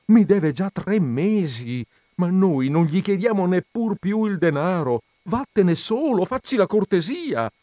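A man's voice: high voice, sing-song, unhurried, few pauses, mellow, dry recording, voice pushed up. A man voicing a harried middle-aged landlord who complains plaintively and deferentially.

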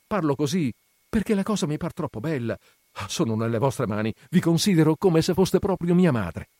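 A man's voice: on the high side, animated, normal speed, mellow, dry recording, studio quality, voice pushed up. A man reading aloud and voicing an earnest young peasant man in love who speaks eagerly and pleads. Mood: pleading.

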